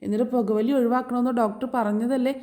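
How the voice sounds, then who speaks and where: A woman's voice: on the high side, fairly even intonation, fast talker, dark tone, close to an everyday voice. A woman voicing a cheeky young girl who tattles insistently on her uncle. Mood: tattling.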